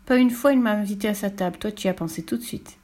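A woman's voice: mid-range voice, fast, darkish tone, lightly acted. A woman voicing a devoted invisible servant spirit.

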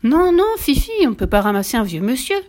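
A woman's voice: fairly high pitch, brisk, darkish tone, natural voice. A woman voicing a sensible, anxious young boy, worried and indignant, in a storybook reading.

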